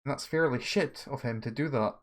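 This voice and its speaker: A man's voice: medium pitch, a little fast, background noise. A man chatting casually and bluntly while gaming, switching now and then into military radio calls. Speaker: gamer flying in an online flight simulator.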